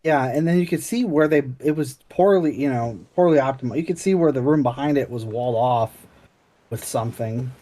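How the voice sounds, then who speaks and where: A man's voice: medium pitch, a little fast, dark tone. A man co-hosting a casual gaming podcast, wry and offhand, with some swearing. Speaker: podcast co-host.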